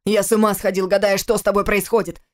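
A woman reading an audiobook, voicing a brooding estranged husband who talks in a low, growling, resentful way. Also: little pitch movement, fast, natural voice.

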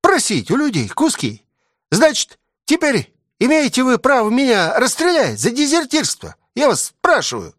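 A brash young soldier picks at an officer with insolent, needling questions, his voice pitched high and sharp. A man acts him out in a story reading, recorded close and dry with no room sound. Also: wildly swooping pitch, moderate pace, no echo, heavily acted. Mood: taunting. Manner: taunting, badgering. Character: cheeky rough young male soldier, mocking.

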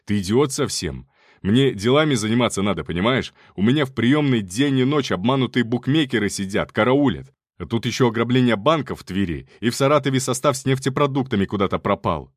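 A man voicing a gruff, exasperated middle-aged uncle who scolds loudly in an audiobook. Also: mid-range voice, expressive, a little fast, dry recording, studio quality, natural voice. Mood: furious. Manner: shouting, scolding.

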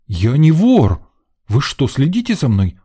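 A man's voice: mid-range voice, huge pitch swings, unhurried, warm tone, breathy edge, pitched above the performer's own voice, exaggerated voice. A man playing a flustered young student journalist. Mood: indignant. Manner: flustered, defensive, stammering. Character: nervous, indignant young male journalism student.

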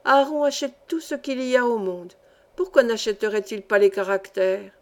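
Woman doing a fawning old peddler guy, coaxing sing-song, kinda high. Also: unhurried, lightly acted. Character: wheedling old male peddler, fawning and greedy.

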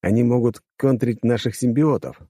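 A man reading a first-person audiobook in a brash, coarse, lively way, close to the mic. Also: medium pitch, moderate pace, no echo. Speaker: audiobook reader.

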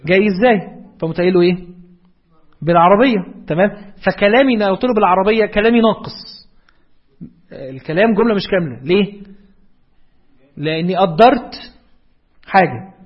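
Husky high-voiced Egyptian preacher. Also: male voice, lo-fi sound. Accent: Egyptian Arabic. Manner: explanatory, asks rhetorical questions. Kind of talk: religious lecture.

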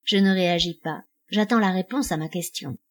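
A woman reading a novel aloud as a first-person narrator, calm and even. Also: fairly low pitch, a little fast. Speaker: audiobook reader.

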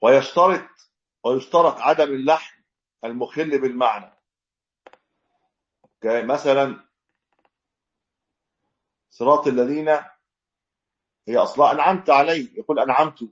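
A man's voice: medium pitch, moderate pace, pauses often, lo-fi sound. A man teaching a religious lesson as a sheikh, explaining step by step and demonstrating correct recitation. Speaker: sheikh teaching a fiqh text.

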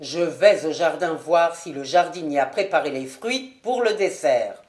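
A woman voicing a cautious, weary middle-aged nobleman who speaks in a placating, measured way, in a roomy recording. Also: deep voice, animated, darkish tone, pitched below the performer's own voice.

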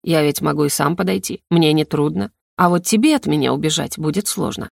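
A woman voicing a composed male elf lord who serves as dean, speaking in a measured, reasoning way that can turn stern. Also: deep voice, vocal fry, no echo, clean studio sound, pitched below the performer's own voice, exaggerated voice. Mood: calm.

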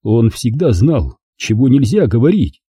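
Husky, dark-voiced male narrator. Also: medium pitch, big pitch swings, a little slow, no echo, studio quality. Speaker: audiobook narrator. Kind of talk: scripted first-person narration.

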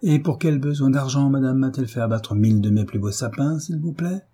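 A man's voice: mid-range voice, a little fast, mellow, husky, pitched above the performer's own voice, lightly acted. A man voicing a rude, domineering middle-aged husband who scolds harshly in an audiobook reading. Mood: angry.

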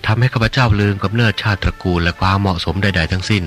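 A man voicing a grieving, lovesick young nun in an audiobook reading of a religious novel, pleading slowly through sobs. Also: deep voice, fairly bright tone. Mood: pleading, tearful. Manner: slow, sobbing, pleading.

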